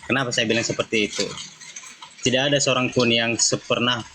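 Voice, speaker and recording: A man joining a live-stream debate as a caller, speaking in a calm, measured, slightly hesitant way. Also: medium pitch. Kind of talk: casual debate talk. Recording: noisy call with clattering dishes behind.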